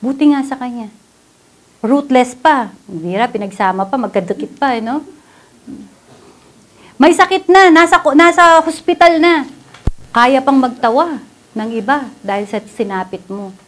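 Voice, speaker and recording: Filipino woman preacher, fairly high voice, lively and chatty, church sermon. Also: measured pace, long pauses. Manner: animated, laughs often, asks the audience rhetorical questions. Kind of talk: Taglish sermon.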